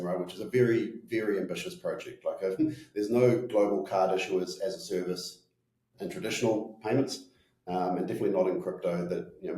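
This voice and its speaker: A man's voice: deep voice, dark tone, echoey room, poor audio. A man in his forties with a broad New Zealand accent, talking informally in an interview and often checking in with "right?". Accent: broad New Zealand (Kiwi). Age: 40s. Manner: informal, peppers talk with "you know" and "right?". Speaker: company executive being interviewed. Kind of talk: casual interview talk.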